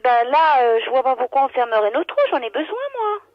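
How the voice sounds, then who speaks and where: A woman's voice: high-pitched, big pitch swings, brisk, no room sound, soft background music. A woman dentist talking over a landline phone, protesting indignantly to a caller. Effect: heard over a landline phone. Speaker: dentist taking a prank call. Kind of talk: unscripted phone conversation. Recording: dull, muffled phone line.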